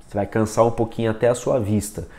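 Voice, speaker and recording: A man's voice: fairly low pitch, steady tone, fast talker, mellow. A man giving a casual video lesson on reading, talking straight to the viewer and demonstrating with a book and pen. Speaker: reading coach.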